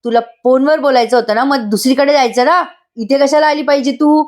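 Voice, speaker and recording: A woman's voice: high-pitched, fairly even intonation, fairly quick, darkish tone, pitched above the performer's own voice, natural voice. A woman doing a bullying, scolding husband. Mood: harsh. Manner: commanding, scolding. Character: bullying middle-aged husband, harsh villain.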